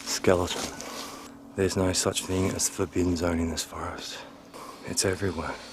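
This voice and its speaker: A man's voice: low-pitched, little pitch movement, measured pace, background noise. An Australian man with a laconic outback drawl, giving off-the-cuff vlog commentary into a handheld camera outdoors. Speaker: YouTuber exploring eerie places. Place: outdoors in a forest. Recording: outdoor handheld camera audio under loud music.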